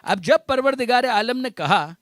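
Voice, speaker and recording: High, lively-voiced male preacher. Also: no room sound, clean studio sound. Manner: explanatory, repeats key phrases, mixes in English terms; recites Arabic verses, then explains them. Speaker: religious scholar giving a majlis lecture. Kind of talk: Urdu religious sermon. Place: religious centre gathering.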